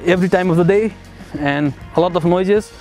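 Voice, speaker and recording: A young master's student from Nepal with a fairly high voice talks fairly quickly in a casual testimonial interview, hesitant and full of "uh" fillers and soft chuckles. He's recorded on a lapel mic with faint music underneath, outdoors on a city riverside path and inside a bright building.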